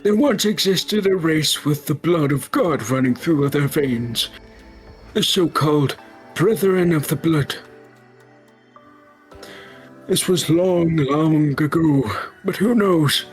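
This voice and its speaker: A woman's voice: deep voice, faint music behind. A woman voicing a forgetful, meandering old man while reading a game's dialogue aloud. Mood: solemn storytelling. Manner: slow, meandering storyteller. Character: rambling forgetful old man, elderly sage.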